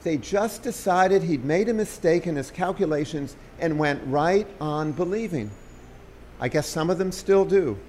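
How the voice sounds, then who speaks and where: A man reading the lines of a gruff, skeptical young American man in an audiobook. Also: on the high side, measured pace, a little mellow, a little hiss or hum, close to an everyday voice. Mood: musing. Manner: gruff, dry.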